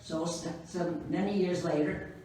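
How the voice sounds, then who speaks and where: A stand-up comedian in her nineties performs live to an audience in a cigar bar, telling jokes unhurriedly with dry punchlines. Her voice is fairly low and mellow, with fairly even intonation and a normal speed. The recording sounds echoey, distant and noisy.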